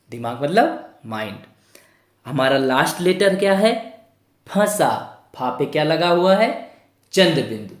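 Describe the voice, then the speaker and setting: Woman, Hindi teacher, lesson for small children, slow, animated pitch, spells words by syllable, roomy echo. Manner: spells words out syllable by syllable and asks questions to the class; repeats words for pupils to say along.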